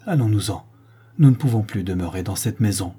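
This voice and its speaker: A man voicing a gentle former convict who talks tenderly and tearfully, pleading and sorrowful. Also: lowish voice, lively intonation, fairly quick, slightly rough. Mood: resigned.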